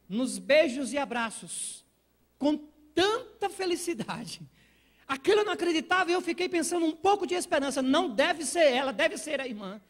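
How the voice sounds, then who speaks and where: A man with a Brazilian accent preaching a sermon in a church, telling a personal story with emotion and acting out his younger self. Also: very high-pitched. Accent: Brazilian Portuguese. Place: church auditorium.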